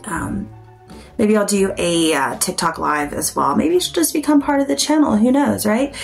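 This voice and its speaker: A woman in her forties chatting casually to camera as a channel host, thinking aloud in a halting, rambling way. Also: medium pitch, gravelly, soft background music. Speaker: paranormal vlogger and channel host. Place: small plain room indoors.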